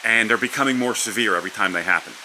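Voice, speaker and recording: A man's voice: fairly low pitch, rapid-fire, bright, forceful tone. Casual man vlogging in noisy rain. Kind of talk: casual vlog narration. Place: outdoors under a house porch in a storm. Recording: wind, rain and hiss behind voice.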